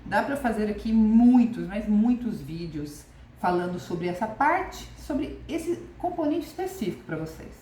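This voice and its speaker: A woman's voice: mid-range voice, lively intonation, a little slow, hardly any pauses, dark tone, a little hiss or hum. Woman coach in an echoey room. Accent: Brazilian Portuguese. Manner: reflective, repeats key questions. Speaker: communication coach. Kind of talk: casual video lesson. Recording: echoey room with faint ambience.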